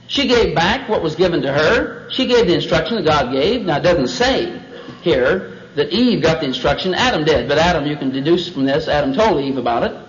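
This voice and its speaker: A man's voice: fairly high pitch, lively intonation, a little fast. A man teaching a Bible passage in a folksy sermon, chatty, with joking asides. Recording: dull lo-fi recording.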